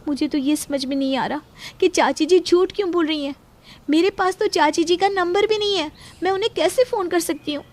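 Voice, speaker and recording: A woman's voice: very high-pitched, a little fast, soft background music, pitched above the performer's own voice. A woman voicing a young new bride who earnestly pleads her innocence. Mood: pleading.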